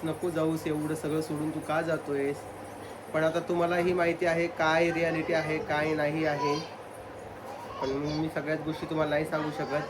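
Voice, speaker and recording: A man's voice: a little high, noisy background. A man chatting casually with viewers as a family vlogger. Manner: chatty, talks straight to viewers. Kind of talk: casual family vlog chat.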